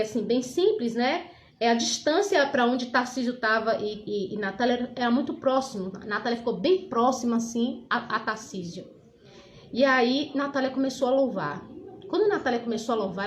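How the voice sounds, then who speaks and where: A middle-aged woman with a Brazilian Portuguese accent, giving a church testimony to a congregation. She tells her story with many hesitant fillers and builds to fervent preaching. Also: fairly high pitch. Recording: echoey hall with crowd.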